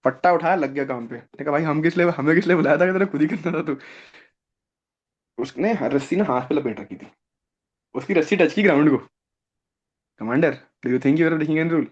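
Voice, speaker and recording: A young man, a guest on an interview show, telling animated stories and acting out other people's lines. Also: on the high side, fairly quick, long pauses, slightly rough. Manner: lively, acts out other people's lines, laughs often. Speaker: guest, defence-services aspirant. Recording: slightly dull, lo-fi audio.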